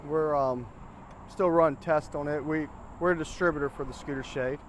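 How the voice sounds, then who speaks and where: Outdoors, amid ambient noise, a scooter dealer explains a product to a customer in a casual, informal chat. He speaks at normal speed in a slightly high voice with fairly even intonation.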